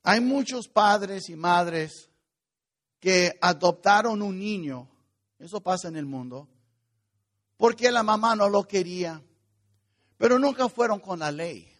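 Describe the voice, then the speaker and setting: A man preaching a sermon to a congregation, with sudden swings between loud urgency and quiet asides. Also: high-pitched, animated, takes it slowly, long pauses. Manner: preaching with sudden rises and drops in loudness. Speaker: pastor.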